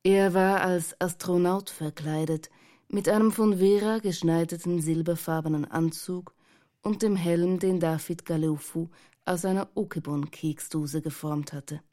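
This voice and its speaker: A woman reading a novel aloud in calm, even scripted narration. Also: on the low side, measured pace. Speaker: audiobook narrator.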